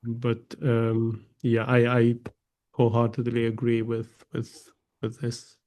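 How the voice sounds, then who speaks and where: A man's voice: medium pitch, monotone, slow pace, mellow, a little hiss or hum. A man sharing his views in an online study group, hesitant with many restarts.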